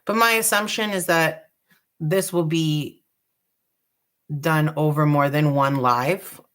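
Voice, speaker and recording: A woman hosting a live dot painting tutorial, chatty and relaxed, joking about her own nerves. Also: low voice, slow. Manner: chatty, relaxed, self-deprecating. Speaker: craft tutorial host.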